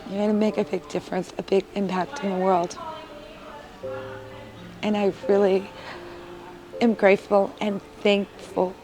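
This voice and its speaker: Earnest, slow-speaking mother. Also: medium pitch, level tone, music in the background, low-quality recording. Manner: earnest and emotional. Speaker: parent interviewee. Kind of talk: heartfelt testimonial interview.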